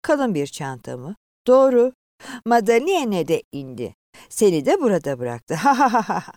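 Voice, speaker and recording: A woman voicing a rude, mocking male omnibus conductor who shouts and sneers at a passenger. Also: medium pitch, big pitch swings, a little slow, no room sound, studio quality.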